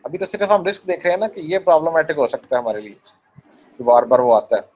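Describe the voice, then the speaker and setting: Lecturing man with a higher voice. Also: fast talker, darkish tone, rough recording. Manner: explains by acting out little scenes, asks the class questions; mixes English phrases into Hindi speech. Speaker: university lecturer. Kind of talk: classroom lecture.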